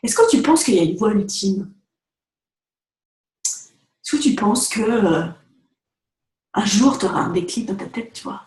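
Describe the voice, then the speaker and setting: A woman talking casually to the camera as a vlogger and photographer, chatty and animated, filling her talk with asides and fillers. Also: medium pitch, a little slow, pauses often. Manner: chatty, animated, direct address with many fillers. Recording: echoey room.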